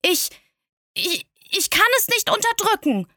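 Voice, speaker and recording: A woman's voice: very high-pitched, normal speed, pushed and bright, dry recording, clean studio sound, pitched above the performer's own voice, heavily acted. A woman voicing a timid, earnest little boy prince who stammers when flustered.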